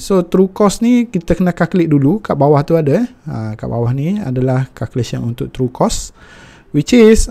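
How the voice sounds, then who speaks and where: Mellow-voiced Malaysian man tutoring. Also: medium pitch. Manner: mixes Malay and English, many fillers. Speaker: finance tutor. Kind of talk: step-by-step tutorial.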